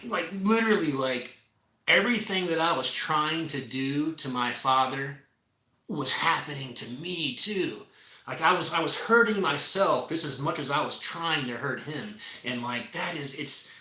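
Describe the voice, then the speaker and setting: A man's voice: medium pitch, pushed and bright. A man in his forties giving a casual, heartfelt monologue, swearing often and repeating himself for emphasis. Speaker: spiritual practitioner. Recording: roomy echo.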